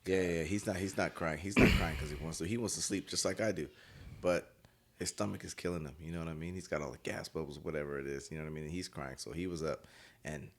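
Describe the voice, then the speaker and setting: A man in his thirties, a father and podcast co-host, telling a story in relaxed slangy casual chat. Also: extremely low pitch, fast. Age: 30s. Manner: laid-back slangy storytelling.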